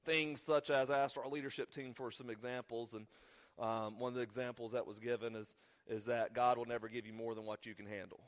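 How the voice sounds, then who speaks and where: A pastor who is feeling ill delivers his sermon in the church sanctuary, rambling and poking fun at himself along the way. He speaks briskly in a medium-pitched, level voice.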